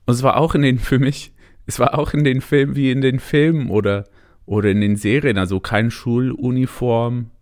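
A man's voice: medium pitch, fairly even intonation, moderate pace, darkish tone. A man speaking as a native English speaker with a British accent, chatting casually and hesitantly in an interview, mixing in English words. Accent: British English accent in German. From Canada and England. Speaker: interview guest, musician.

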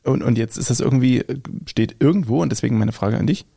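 Gravelly, dark-voiced German podcast host. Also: male voice, mid-range voice, fast talker. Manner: rambling, anecdotal, self-correcting. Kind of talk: casual chat.

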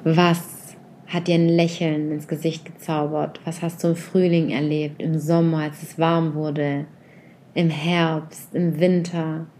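Speaking in a low, level tone and taking it slowly, a woman leads a guided reflection, softly posing a series of gentle questions to the listener. There's slight background noise.

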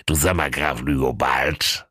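A man's voice: very deep voice, fairly even intonation, measured pace, sharp tone, dry recording, studio quality, pitched below the performer's own voice, heavily acted. A man voicing a chatty, fussy king who complains in a casual, confiding way in a comic fairy-tale reading. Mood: grumbling confiding.

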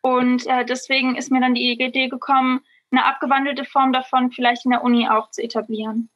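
A woman's voice: high-pitched, level tone, a little fast, highs cut off. A woman in her twenties, a medical student and podcast guest, speaking thoughtfully with many fillers. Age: 20s. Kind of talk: casual interview.

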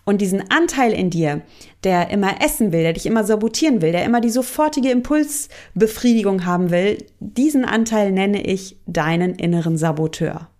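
A woman's voice: medium pitch, expressive, moderate pace, darkish tone. A woman coach giving a monologue, explaining and addressing the listener directly.

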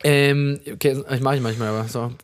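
A man's voice: medium pitch, fairly even intonation, a little fast, slight background noise. A young man with an Austrian accent co-hosting a casual podcast chat, playful and jokey, rambling loosely. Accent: Austrian German. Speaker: podcast co-host.

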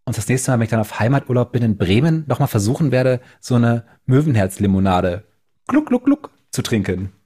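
A man from Northern Germany chats on a podcast with playful, joking banter. His voice sits at a plain middle pitch, recorded close on a podcast mic. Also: sing-song, fairly quick, dark tone. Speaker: podcast co-host, copywriter and author. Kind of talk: casual podcast chat.

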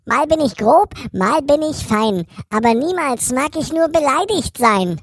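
A man's voice: very high voice, lively intonation, measured pace, no room sound, clean studio sound, pitched above the performer's own voice. A man voicing a sulky, offended talking liver sausage in a children's story, whining and complaining without end. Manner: whiny, endlessly complaining.

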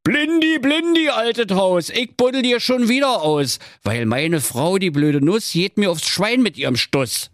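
Man voicing a henpecked digger driver, good-natured, exasperated, raised lively voice, dry sound. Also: high-pitched, measured pace, few pauses, no room sound, pitched above the performer's own voice. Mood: chanting. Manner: pleading, exasperated, rhyming chants. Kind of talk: comic fairy tale reading.

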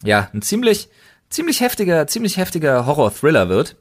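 Speaking briskly with a fairly high pitch that swoops wildly, this German podcast co-host chats in casual, emphatic language. He is an enthusiast who tends to repeat intensifiers for effect.

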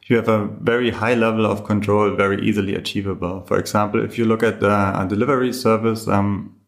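Male sociologist guest, low voice, articulate and lecturing. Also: fairly even intonation, fairly quick. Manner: articulate, lecturing, organized points. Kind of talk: explanatory interview answer.

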